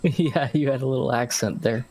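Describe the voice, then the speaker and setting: Laid-back woman w a really deep voice joking around while gaming. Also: moderate pace, crowd noise. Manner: laid-back, laughs often, teasing. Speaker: co-player. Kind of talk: casual chat while gaming.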